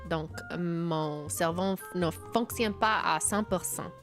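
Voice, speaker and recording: Soft background music plays as a young Canadian woman hosts a relaxed livestream despite being sick and losing her voice. She speaks slowly in a lowish voice with a Canadian English accent, chatty and quick to laugh, switching between English and French; she's also the founder of a brand.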